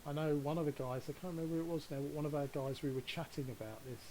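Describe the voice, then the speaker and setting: A man's voice: a little high, fairly even intonation, very fast, dark tone, a little hiss or hum, rough recording. A man casually guiding a walk through a virtual world, chatty and rambling, chuckling at his own asides. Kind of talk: casual walkthrough narration. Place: home setup, voice over a VR headset session.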